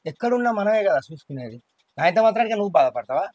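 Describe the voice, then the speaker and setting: A man acting out a young village husband who keeps trying to smooth things over. His voice sits high and he talks fast. The sound is dry and close. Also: big pitch swings, darkish tone, no echo. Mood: pleading. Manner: placating, exasperated. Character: young village farmer caught between wife and family. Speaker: husband and younger brother in a village short film. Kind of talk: village family drama acting.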